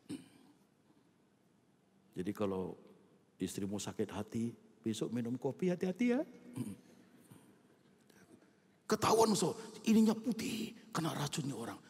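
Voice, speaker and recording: Male preacher, super raspy breathy voice, chatty sermon, goes from shouting to almost whispering. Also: mid-range voice, moderate pace, pauses often. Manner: animated, swinging from loud outbursts to hushed near-whispers; colloquial, with frequent asides to the congregation. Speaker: pastor. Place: church evening prayer service.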